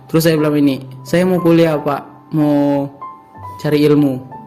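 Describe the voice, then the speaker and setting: A man's voice: fairly high pitch, little pitch movement, measured pace, dark tone, faint music behind. Young man with a Manado accent. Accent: Manado Malay. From North Sulawesi, Indonesia. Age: young adult. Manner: storytelling, reenacts quoted dialogue, many restarts. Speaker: interview guest. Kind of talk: personal testimony in conversation.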